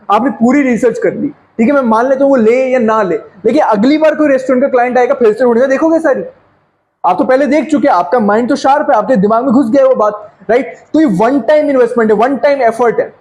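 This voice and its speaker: A man, teaching a sales lesson in an energetic, fast, conversational way and slipping English phrases into his talk. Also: very high-pitched, low-quality recording. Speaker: sales coach. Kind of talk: sales training lecture.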